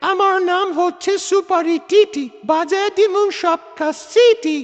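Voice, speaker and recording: A man voicing a boastful cartoon train ticket checker who talks in rhymes with a squeaky voice. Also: unhurried, big-room sound, heavy background noise.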